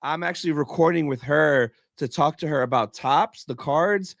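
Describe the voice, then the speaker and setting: A man's voice: on the high side, normal speed, gravelly, fairly bright tone, no room sound, studio quality. A man hosting a fan podcast, chatting casually with slangy, informal wording and repeated emphasis. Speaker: podcast host. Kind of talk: casual chat.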